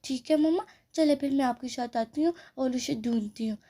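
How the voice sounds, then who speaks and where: A woman's voice: high voice, moderate pace, dark tone. A woman voicing a young girl doll who loves candy, talking in a childish way with munching sounds, in a doll play story. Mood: eager.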